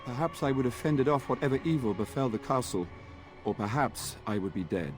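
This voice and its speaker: An actor playing an earnest, weary knight in a video game, speaking in formal, courtly phrases. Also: male voice, medium pitch, animated, fairly quick, music in the background, lightly acted. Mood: solemn. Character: earnest knight sworn to a noble lord, weary and dutiful. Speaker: game character.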